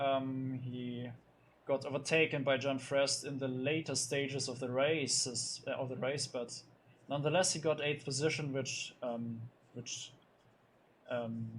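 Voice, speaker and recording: A man with a mid-range voice runs through a sim racing league's results as commentator, over slight background noise. His delivery is loose and halting, packed with fillers and restarts.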